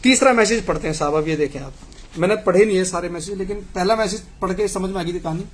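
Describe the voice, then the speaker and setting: A man with a fairly high voice hosts a live stream. He reads viewer messages aloud and answers them earnestly, arguing his point and speaking straight to his audience. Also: fast talker. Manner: earnest, argumentative, addresses viewers directly. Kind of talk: casual live commentary reading messages.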